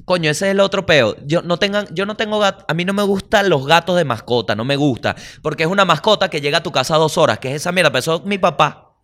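A man with a Venezuelan accent hosting a casual comedy podcast, animated, slangy and profane. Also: on the high side, fast. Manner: animated, slangy and profane, acts out little voices. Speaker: podcast host.

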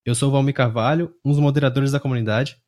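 A man's voice: medium pitch, fairly even intonation, fast talker, darkish tone. A man with a Brazilian Portuguese accent hosting a casual podcast interview. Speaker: podcast host.

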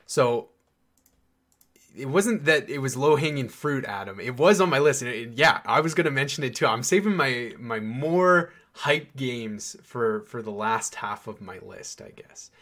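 A man's voice: mid-range voice, expressive, measured pace, a bit bright. A young man hosting a podcast, chatting casually and enthusiastically, with many fillers and restarts. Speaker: podcast host. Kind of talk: casual chat.

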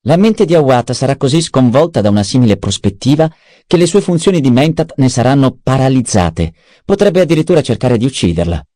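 A man's voice: mid-range voice, big pitch swings, a little fast, dark tone, no room sound, clean studio sound, voice pushed up, lightly acted. A man voicing a cunning, self-satisfied male adviser in an audiobook, eager and precise. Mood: scheming. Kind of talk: audiobook character voice.

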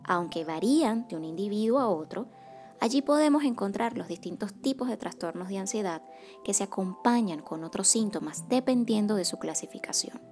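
Calm, measured woman hosting a podcast. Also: medium pitch, faint music behind. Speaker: podcast host, psychocorporal facilitator. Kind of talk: scripted podcast monologue.

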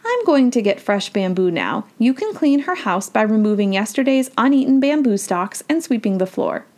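A woman reading as a serious, unsmiling man from a storybook who speaks in a flat, matter-of-fact way. His lines come quiet and plain. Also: fairly high pitch, normal speed. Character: serious, quiet male panda keeper. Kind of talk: storybook read-aloud.

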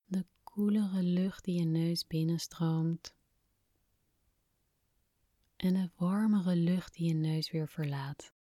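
A woman leads a guided relaxation in a soft, breathy near-whisper. Her voice is mellow and fairly low, and she speaks very slowly and soothingly. The sound is close and dry. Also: fairly even intonation, dry recording. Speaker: podcast host, relaxation guide.

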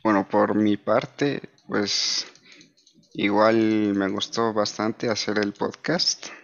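A man's voice: fairly low pitch, steady tone, slow pace, vocal fry, lo-fi sound. A young man on a student podcast, giving casual remarks.

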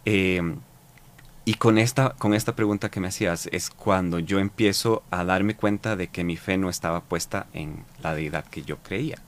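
A man with a Costa Rican accent answering interview questions in a reflective, halting way, with many fillers and repeated words. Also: deep voice. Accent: Costa Rican Spanish. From Costa Rica. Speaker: interview guest.

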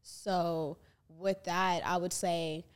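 A young woman from Ethiopia, a podcast guest chatting casually, relaxed and rambling, with many "like" and "you know". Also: fairly low pitch, extremely slow, clear, resonant tone. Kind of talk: casual chat.

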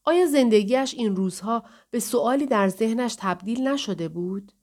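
A woman reading a novel aloud in scripted narration, measured and even. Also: fairly high pitch. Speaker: audiobook narrator.

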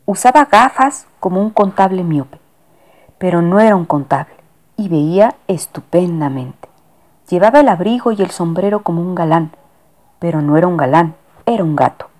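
A woman narrating a children's story in a lively, expressive way. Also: on the low side, moderate pace.

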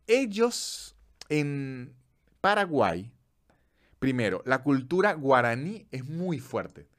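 Hombre venezolano charlando animado. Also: male voice, fairly high pitch. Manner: chatty storyteller, slows down to list facts. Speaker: podcast host. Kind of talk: casual chat.

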